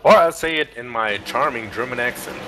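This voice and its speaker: A man's voice: mid-range voice, lively intonation, a little fast, background noise. A man co-commentating a live racing stream, reading out standings in rambling play-by-play with jokey asides. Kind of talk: casual race commentary.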